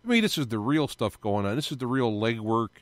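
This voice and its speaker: A man's voice: medium pitch, sing-song, brisk, no echo. A man hosting a live audio-only radio show, talking in a rambling, confiding way with many fillers and restarts.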